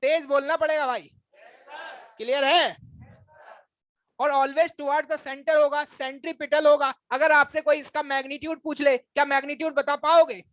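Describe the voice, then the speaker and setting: High-voiced teasing male physics teacher. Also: level tone, moderate pace, a bit bright, dry recording. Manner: quizzes and teases students, addresses them as brothers. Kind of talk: classroom lecture. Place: classroom with students.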